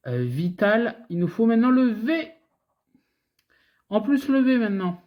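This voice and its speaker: Scratching lottery tickets on video, a French woman from France gives casual play-by-play commentary, talking to her viewers and running through letters in a sing-song way. The sound is lo-fi, and her fairly high voice is very animated at a measured pace.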